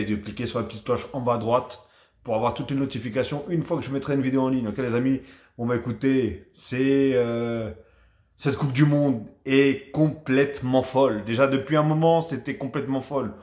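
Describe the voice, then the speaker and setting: A man from France giving a casual, rambling football match debrief to his viewers, chatty and animated. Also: medium pitch, a little fast, roomy sound. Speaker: football vlogger.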